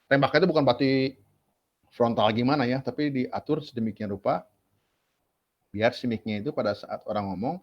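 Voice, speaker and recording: A man's voice: medium pitch, a little fast, pauses often. A male lecturer, giving a casual, chatty classroom lecture and asking rhetorical questions as he explains. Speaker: university lecturer. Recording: dull lo-fi classroom recording.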